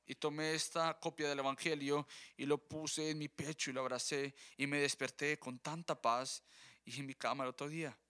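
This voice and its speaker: Bright, clear-voiced male preacher. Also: on the high side, flat delivery, moderate pace. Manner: narrates a testimony, addresses congregation as brothers. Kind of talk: sermon storytelling.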